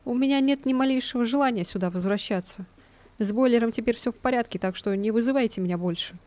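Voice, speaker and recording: A woman's voice: fairly high pitch, fast talker, a little mellow, no room sound, voice pushed up, natural voice. A woman reading game dialogue aloud as an uneasy, reluctant boiler repairer, curt and complaining. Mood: agitated, curt.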